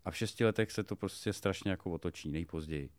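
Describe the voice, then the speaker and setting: A man's voice: sits low, no echo. A man co-hosting a podcast about fatherhood, blunt and swearing while he tells anecdotes. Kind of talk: casual chat.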